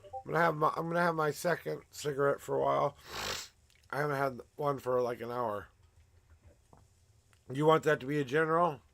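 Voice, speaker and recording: A man with a gravelly smoker's rasp, hosting a livestream as a tarot reader in casual, emphatic, effusive patter to viewers. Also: fairly high pitch, steady tone, brisk, pauses often, fairly bright tone. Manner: effusive, emphatic showman, repeating welcomes and promises.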